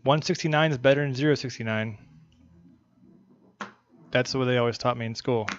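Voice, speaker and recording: A man's voice: mid-range voice, moderate pace. A man commentating a live poker stream, bantering and joking with viewers between hands. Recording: slightly dull stream audio, faint hiss.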